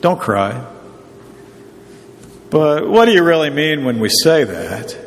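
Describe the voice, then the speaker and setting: A man preaching a sermon in a measured, explanatory teaching tone. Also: on the high side, very animated, long reverb tail.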